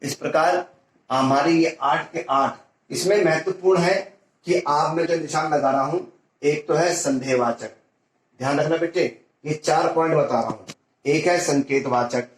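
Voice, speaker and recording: Male teacher, grammar lesson, fairly high voice, echoey room, checks students often. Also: a little slow. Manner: explains with spoken examples and checks "ठीक है ना".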